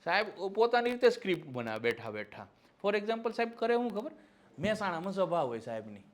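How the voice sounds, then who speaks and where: This exam-prep history teacher lectures his class in a high, very animated, brisk voice. Satirical jabs that tease and mock pepper his talk, and he repeatedly makes sure the room is on his side.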